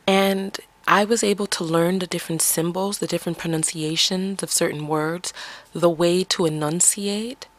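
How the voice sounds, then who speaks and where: Earnest Bronx-born woman, low voice. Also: fairly even intonation, normal speed. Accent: slight New York. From the Bronx, New York. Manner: earnest, coaching, asks many rhetorical questions. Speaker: podcast host. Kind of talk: reflective solo monologue.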